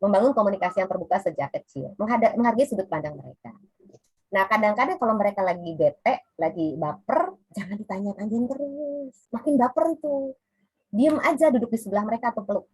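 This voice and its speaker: A woman's voice: mid-range voice, lively intonation, quick pace, darkish tone, breathy edge, no room sound, rough recording. A woman in her forties giving a chatty webinar talk on parenting over a video call. She speaks straight to the parents listening and drops in English words.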